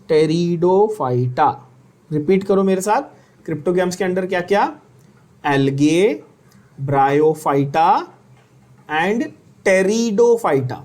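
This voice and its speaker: A man's voice: high voice, drawn-out words, pauses often, a little mellow. A man teaching biology for an exam, asking questions and having students repeat terms. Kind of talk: exam-prep lecture.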